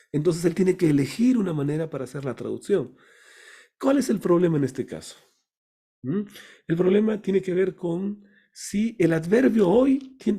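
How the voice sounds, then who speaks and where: A male pastor teaching a Bible study lesson. He explains slowly and keeps asking his listeners rhetorical questions. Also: a little high, dark tone, husky.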